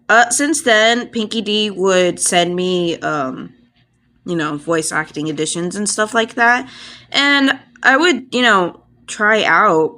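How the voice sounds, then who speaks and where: Speaking into her iPad's built-in mic, a woman with a lowish, sharp-toned voice chats casually. She rambles and pokes fun at herself like a hobbyist vlogger.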